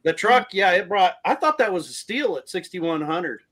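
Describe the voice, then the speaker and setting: A man's voice: high-pitched, animated, moderate pace, a bit bright. A man chatting casually, plainspoken with hesitant restarts. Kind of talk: casual chat.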